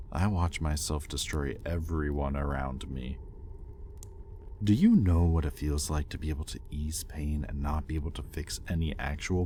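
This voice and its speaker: In a scripted roleplay audio piece directed at the listener, a man uses a very deep voice to play a brooding demon, bitter and conflicted, who possessively keeps an angel captive. His delivery is intense, alternating hushed confession with heated accusation, and there is slight background noise.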